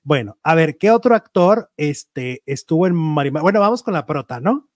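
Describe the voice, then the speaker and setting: A man with a slightly higher voice hosts a casual entertainment chat. He gossips with animation and acts out quotes playfully. The sound is dry and close. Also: animated, moderate pace, no room sound. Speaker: show host.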